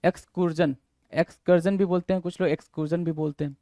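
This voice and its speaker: High pitched guy teaching vocab, keeps repeating words and quizzing, dry close sound. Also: steady tone, quick pace, vocal fry, dark tone, no echo. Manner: drills words, repeats and spells them out, asks students questions. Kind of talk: exam-prep lesson.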